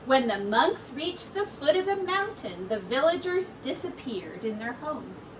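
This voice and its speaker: A teacher with a high voice reads a children's story aloud, unhurried and expressive, pausing for brief asides to her listeners. The mic is some distance away and picks up faint background noise.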